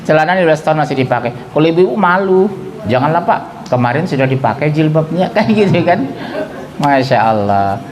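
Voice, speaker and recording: A man preaching a sermon to women in a gathering, joking and acting out quotes, shifting between high calls and soft pleading tones. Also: animated, fairly quick, a crowd in the background, poor audio.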